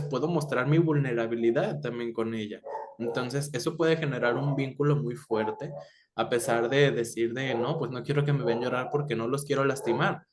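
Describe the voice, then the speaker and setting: A man speaks calmly as a psychologist on a panel. His voice sits in a middle range, and he keeps checking that listeners follow. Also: medium pitch, background noise. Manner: calm, explanatory, checks in with "¿sí?". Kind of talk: conversational panel talk.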